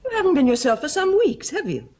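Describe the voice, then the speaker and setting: An actress playing the aristocratic mistress of a household in a period television drama. She gives crisp upper-class orders and then gentle reassurance. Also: high-pitched, wildly swooping pitch, fast. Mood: soothing. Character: aristocratic lady of the house, firm yet kindly.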